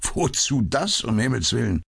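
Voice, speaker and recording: A man's voice: mid-range voice, sing-song, moderate pace, vocal fry, a bit bright, husky, pitched above the performer's own voice, full character voice. A man reading an audiobook, voicing the ironic, cool detective Sherlock Holmes with a raised, mocking tone. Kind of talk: audiobook character voice.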